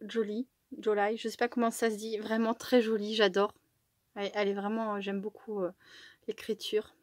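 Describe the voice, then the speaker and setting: A woman's voice: fairly high pitch, dry recording. A woman chatting casually as a crafting vlogger while unboxing, with many fillers and small laughs.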